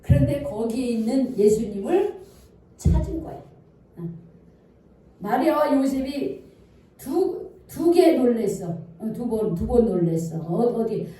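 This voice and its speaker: Woman pastor, sermon delivery with questions to the pews, warm mellow tone, miked from a distance in a reverberant church. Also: fairly high pitch, animated, unhurried. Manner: asks the congregation questions and answers them. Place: church sanctuary. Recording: echoey church hall, voice from far off.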